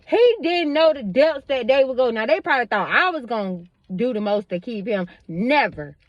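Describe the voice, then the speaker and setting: A woman's voice: on the high side, lively intonation, moderate pace, dry recording, lo-fi sound. A woman vlogger talking to her viewers in a casual monologue, emphatic and preachy, addressing them directly.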